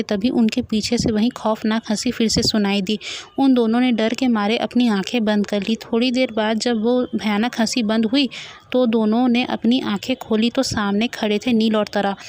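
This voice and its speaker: A woman narrating a fan-fiction story in a lively, expressive way. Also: on the high side, normal speed.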